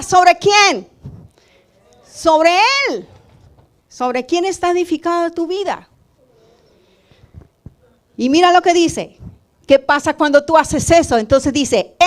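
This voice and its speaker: A woman pastor preaching a lively sermon in church, asking the congregation questions and crying out loudly when she quotes pleas for mercy. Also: high voice. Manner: animated call-and-response preaching, asks the congregation questions; laughs at her own slips.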